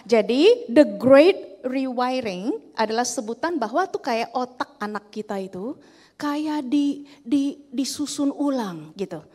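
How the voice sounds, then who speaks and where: A middle-aged woman, giving a lively, chatty talk about a book to a church class, with many fillers and repeats. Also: high-pitched. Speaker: guest speaker at a church couples' class.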